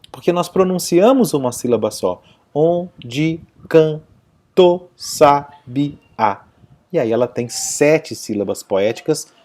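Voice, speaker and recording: A man teaching a video lesson, his voice mellow and dark in tone. His pitch moves a lot as he explains step by step. He keeps checking that his listeners follow along.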